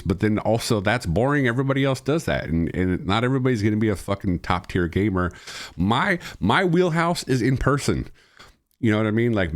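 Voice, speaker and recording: A man hosting his own stream, chatting casually, rambling and swearing with frequent laughter. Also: low voice. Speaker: streamer host. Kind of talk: casual chat.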